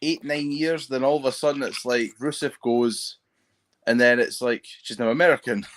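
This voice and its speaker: A man co-hosting a relaxed reaction chat. He searches for words, restarts and trails off as he thinks aloud, in an everyday mid-pitched voice. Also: moderate pace. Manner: hesitant, trails off while thinking. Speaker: co-host. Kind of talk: casual chat, live reactions. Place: at home watching TV.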